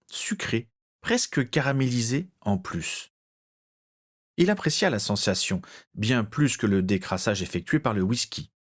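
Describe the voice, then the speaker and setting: A man narrating a story in an expressive, dramatic reading style. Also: lowish voice, slightly rough. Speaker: audiobook narrator.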